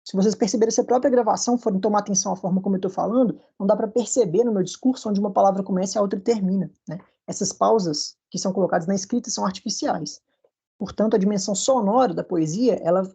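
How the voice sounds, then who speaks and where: A man's voice: sits high, fast talker, vocal fry, warm tone, slightly rough. A man with a Brazilian Portuguese accent giving a recorded university lecture over slides, explaining patiently and often checking in with his students.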